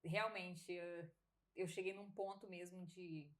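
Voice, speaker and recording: A Brazilian woman with a Brazilian Portuguese accent, telling a personal testimony as a podcast guest, animated and laughing often as she acts out dialogue. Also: on the low side, slow. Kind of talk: casual testimony storytelling.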